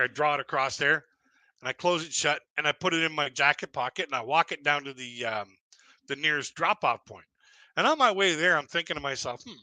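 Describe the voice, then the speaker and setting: A man's voice: fairly high pitch, sharp tone, no room sound. A man in his fifties doing casual stand-up comedy on a live stream, rambling and chuckling at his own jokes. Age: 50s.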